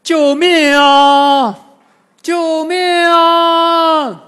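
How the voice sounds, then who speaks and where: A man voicing a shapeshifting demon disguised as a frail old man, with slow, trembling, wailing speech. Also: sits high, lively intonation, pitched above the performer's own voice. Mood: desperate. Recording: long hall reverb.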